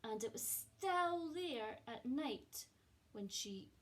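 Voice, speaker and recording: Reading slowly in a fairly high-pitched voice, a woman shares a children's picture book with young listeners, storytelling expressively as their teacher.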